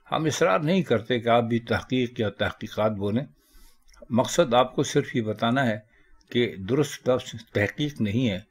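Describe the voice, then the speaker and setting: A man giving a measured pronunciation lesson, patiently correcting word after word. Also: mid-range voice, a little mellow. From South Asia. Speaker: language teacher.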